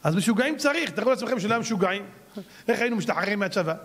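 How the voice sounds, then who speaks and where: A man, a rabbi, preaching a sermon as a lively storyteller who acts out the characters. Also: high-pitched.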